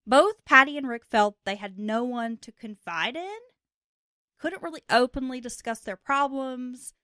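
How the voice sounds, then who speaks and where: A woman's voice: sits high, a little slow, pushed and bright, dry recording, clean studio sound. A woman co-hosting a casual true crime podcast, talking in a brassy, joking way. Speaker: podcast co-host.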